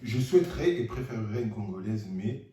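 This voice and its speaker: A young man in a casual chat who keeps pressing the same point. He speaks quickly at a middle pitch. His voice comes from a distance in a very echoey room. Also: lively intonation, warm tone. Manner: insistent, repeats his point.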